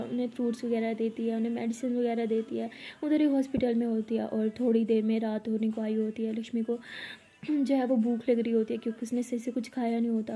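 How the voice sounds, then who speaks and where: Chatty high-voiced woman storyteller. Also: mellow, slightly rough. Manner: chatty, with fillers and asides. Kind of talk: casual spoken storytelling.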